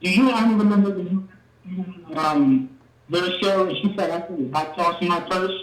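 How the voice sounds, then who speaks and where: A man calling in to a live show, his voice muffled as if heard through a door, talking in halting bursts with restarts. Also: sits high. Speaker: caller. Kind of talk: call-in comments. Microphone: phone line. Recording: muffled phone call from far off with echo.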